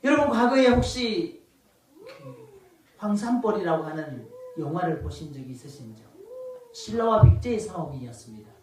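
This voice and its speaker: A woman preaching a dramatic sermon, swinging from loud commands to hushed asides as she acts out voices. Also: lowish voice, sing-song, moderate pace, slight background noise. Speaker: pastor. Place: church sanctuary. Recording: echoey church hall, mic far off.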